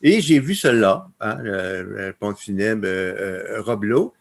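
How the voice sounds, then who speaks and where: A man's voice: on the low side, measured pace. A man with a Québécois accent presenting slides on a webinar, telling stories and laughing often. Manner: laughs often, animated storytelling. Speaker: conference speaker.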